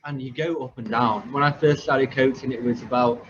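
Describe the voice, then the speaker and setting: A man's voice: mid-range voice, fairly even intonation, moderate pace. Young man, football coach, casual podcast talk, rambling with fillers, dull lo-fi sound, faint hiss. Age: 20s. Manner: rambling storyteller with many fillers and restarts.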